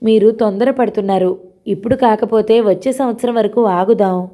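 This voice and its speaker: A woman voicing a considerate young man who speaks softly and reassuringly. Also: medium pitch, moderate pace, lightly acted. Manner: soft, reassuring.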